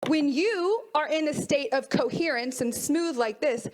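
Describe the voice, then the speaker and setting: A woman coach speaks to a young team in a high, bright voice. She is energetic and keeps throwing questions at the audience to pull them in. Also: unhurried. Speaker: mental performance coach. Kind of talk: motivational talk to a youth team.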